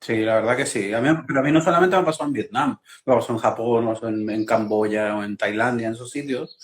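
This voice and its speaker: A man's voice: mid-range voice, fast. A Chilean-born man, a guest chatting casually over a video call, talkative and often restarting as he searches for words.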